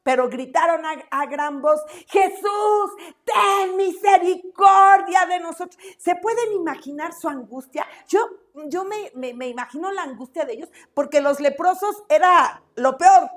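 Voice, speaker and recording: A woman teaching a church Bible class in a lively way, asking the class questions and acting out quotes. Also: high voice, moderate pace, hardly any pauses. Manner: animated, asks the class questions, acts out quotes.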